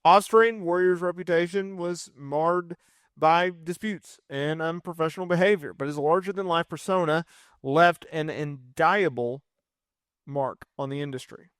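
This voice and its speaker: A man in his thirties hosting a casual wrestling list video, chatty and quick to correct himself. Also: on the high side, a bit bright, smooth, no echo, clean studio sound. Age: 30s. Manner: chatty, self-correcting, fan enthusiasm. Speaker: wrestling commentary host.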